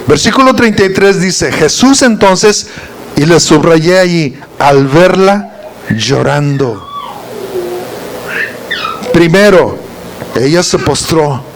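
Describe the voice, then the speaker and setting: A man with a somewhat high voice leads an informal Bible study. He reads verses aloud and keeps stopping to put rhetorical questions to his group. A faint hiss sits under the recording.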